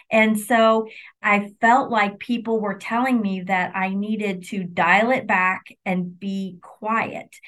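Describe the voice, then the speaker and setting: A middle-aged woman from Illinois talks through her story as an interview guest. Her voice sits at a middle pitch, and her manner is reflective and candid, with frequent small restarts. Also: a bit bright. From Illinois, United States. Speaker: university vice president and general counsel, guest. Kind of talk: conversational interview.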